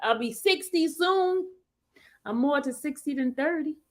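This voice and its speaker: Her voice is high and expressive, her pace a little slow, as this woman in her fifties hosts a casual livestream. She chats away, laughs often and responds to her live chat.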